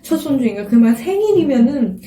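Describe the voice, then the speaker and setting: A young woman in her twenties tells her story earnestly and reflectively, as if she is talking through her memories. Her tone is soft and mellow. She sits some way from the mic, and the room gives her voice a clear echo. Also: high-pitched, sing-song, brisk. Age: 20s. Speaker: guest. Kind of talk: casual interview chat. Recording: roomy sound from a distance.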